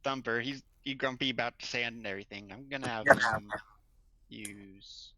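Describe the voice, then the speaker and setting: A man's voice: mid-range voice, fairly even intonation, moderate pace, bright, forceful tone. A man player in a tabletop role-playing game, describing his character's moves in an offhand way. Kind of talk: casual game talk.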